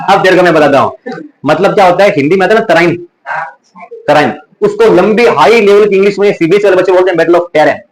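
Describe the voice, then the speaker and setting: A young male teacher with a Rajasthani accent races through an exam revision lesson at a rapid clip. His voice sits a little higher than most men's. He drills facts by asking and repeating, then drifts into chatty stories. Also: a little hiss or hum, low-quality recording. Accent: Rajasthani Hindi. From Rajasthan, India. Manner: chatty storytelling asides.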